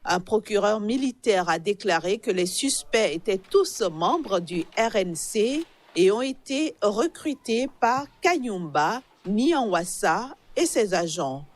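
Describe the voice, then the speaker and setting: Woman reading a news report, measured. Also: medium pitch, sing-song. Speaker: news reader.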